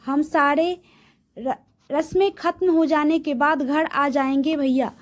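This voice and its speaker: Woman playing a teasing best friend girl, affectionate, high and slow. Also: steady tone. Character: teasing, loving young female friend.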